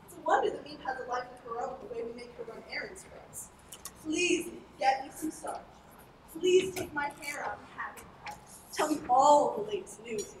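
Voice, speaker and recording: A woman's voice: high-pitched, animated, moderate pace, far from the mic. A young woman on a school stage playing a chatty, cheeky teenage girl who talks eagerly. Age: young adult. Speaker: stage actor. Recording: echoey stage hall, room noise.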